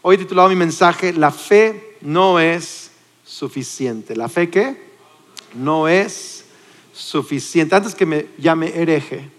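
Pastor in his forties, fairly high voice, emphatic sermon delivery, big reverberant hall. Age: 40s. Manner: preaches with rising emphasis, calls on congregation to repeat words.

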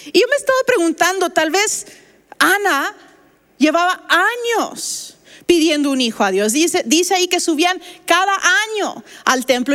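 A woman's voice: very high-pitched, fairly bright tone. A woman preaching a sermon, telling personal stories and acting out what people said. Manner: personal storytelling with acted quotes. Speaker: pastor.

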